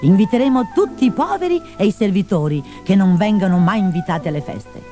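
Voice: medium pitch, animated, brisk, warm tone, faint music behind, close to an everyday voice. Cheerful young male servant, nearly the narrator's own voice, as the narrator plays him. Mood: plain. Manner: merry, toasting.

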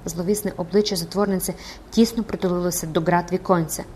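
A woman reading a classic novel as an expressive, dramatic audiobook narration. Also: lowish voice, fast talker, husky.

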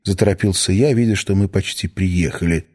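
A man narrating a satirical story in the first person, with an earnest, measured reading. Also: low voice, darkish tone.

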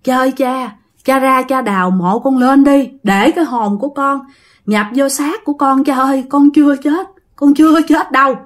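The ghost of a young man cries out again and again to his father, as a woman narrator voices him. The Southern Vietnamese voice stays fairly high and sounds hushed and far off. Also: moderate pace, lightly acted. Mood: imploring. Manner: repetitive imploring.

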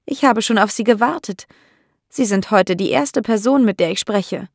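A woman voices an older character, a lonely, fearful landlady who complains plaintively, using a mid-range voice at a moderate pace. She pitches it above her own voice though it stays close to an everyday sound, and the recording is dry and studio quality.

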